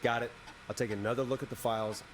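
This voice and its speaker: An actor voicing a calm male radio host talking a caller through an emergency, reassuring and instructive. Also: medium pitch, fast, crowd noise, natural voice. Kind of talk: video game voice acting.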